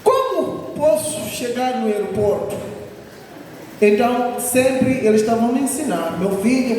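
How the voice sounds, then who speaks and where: High-voiced Mozambican preacher in echoey hall. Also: male voice, slight background noise. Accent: Mozambican Portuguese. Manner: animated storytelling with laughter and exclamations. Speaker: visiting missionary preacher. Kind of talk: sermon testimony. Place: large echoey church hall. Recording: echoey hall, distant mic.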